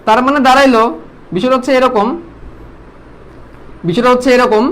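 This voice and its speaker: A man teaches a biology class online. His voice sits high and his delivery is quick. He fires questions at his students, repeats them several times, and then answers them himself. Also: fairly bright tone.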